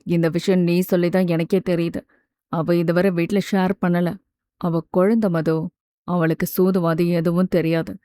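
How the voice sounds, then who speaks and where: A woman voicing a calm, caring young man who reassures a close friend in an audiobook. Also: on the low side, a little slow, no room sound, voice pushed down, close to an everyday voice. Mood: soothing. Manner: steady, gently reassuring. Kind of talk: audiobook character voice.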